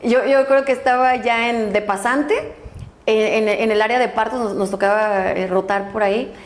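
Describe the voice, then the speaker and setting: A middle-aged woman with a Mexican accent, a guest telling lively stories from her life and acting out the voices in them. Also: fairly high pitch, normal speed. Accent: Mexican Spanish. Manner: lively, laughing storyteller who acts out voices. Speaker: guest, doctor and school director. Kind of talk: storytelling interview. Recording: echoey room.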